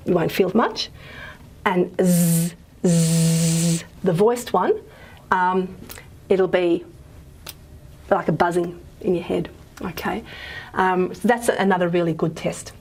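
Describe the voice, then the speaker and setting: A woman lecturing on phonetics in a casual, recorded class. She fills her talk with ums and frequent "okay?" checks, sounds out example consonants, and pauses while she writes and erases on the board. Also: on the low side, fairly even intonation, darkish tone, slightly rough.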